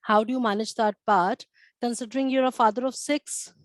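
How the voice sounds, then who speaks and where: A woman's voice: on the high side, steady tone, fairly quick, no echo. Woman in the audience asking a polite formal question, dry close sound.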